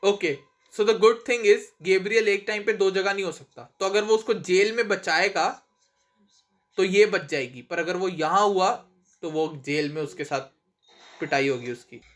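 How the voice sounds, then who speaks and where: Young man, live movie reaction host; unhurried delivery, excitable, cursing, laughing. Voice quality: voice goes thin and high when excited. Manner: excitable, swears often, laughs a lot. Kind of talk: casual live movie commentary, mixing Hindi and English.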